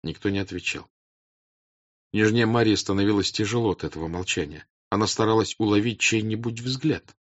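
A man reading a classic novel aloud as an audiobook narrator, calm and even. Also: on the low side, no room sound, lo-fi sound. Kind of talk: scripted narration.

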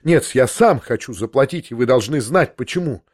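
A man's voice: mid-range voice, moderate pace, close to an everyday voice. A man voicing a proud young man in an audiobook, talking in a breathless, agitated, trembling way. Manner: excited, breathless and pleading. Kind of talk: audiobook character reading.

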